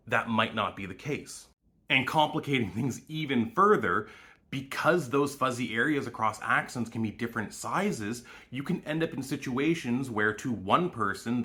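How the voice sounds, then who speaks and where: A man's voice: lowish voice, sharp tone. A man with a Canadian accent, explaining speech sounds and demonstrating vowels in a short educational video. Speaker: language educator.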